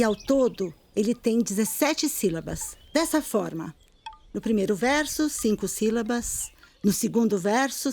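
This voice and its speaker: A middle-aged Brazilian woman with a fairly high voice teaches a poetry lesson. Her delivery is calm and measured, and she slows down when reciting verses. She has a clear Brazilian Portuguese accent. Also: a little hiss or hum. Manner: calm, measured explanation, slowing to recite poems. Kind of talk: video lesson.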